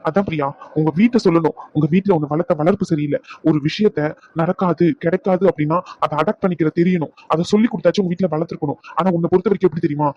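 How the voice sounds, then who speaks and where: Performer doing a stressed young cartoon husband, very rapid exasperated talk, dull dry lo-fi sound. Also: mid-range voice, no echo, lightly acted. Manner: exasperated arguing. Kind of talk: dubbed cartoon acting.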